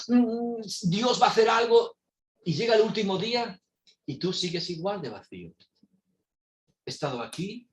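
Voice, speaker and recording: A man teaching a Bible class, animated and acting out voices with sudden shouts. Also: a little high. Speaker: preacher. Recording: echoey church room, faint noise.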